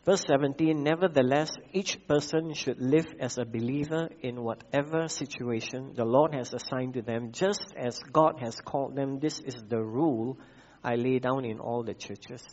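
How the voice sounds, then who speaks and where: A male pastor with a Malaysian English accent delivers a sermon at a measured pace, leaning on repeated key phrases and filling pauses with "uh." His voice sits at a middle pitch, and the recording sounds slightly dull and muffled. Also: a little mellow.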